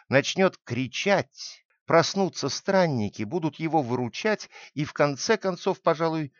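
A man's voice: medium pitch, dry recording. A man playing a cunning male thief. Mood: scheming. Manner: pleading then shouting for help. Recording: dull lo-fi dry recording.

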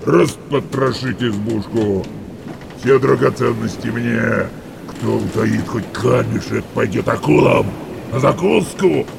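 An actor playing a brutal, greedy ghost pirate captain in a children's audio drama, a cruel taskmaster barking orders and threats in a gravelly voice. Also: male voice, mid-range voice, slow pace, background noise. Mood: commanding, greedy.

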